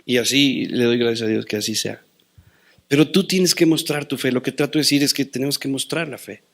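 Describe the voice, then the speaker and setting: A man preaching a sermon as pastor, quoting scripture and telling personal stories, swinging between loud declarations and hushed asides. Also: medium pitch, a little fast, gravelly.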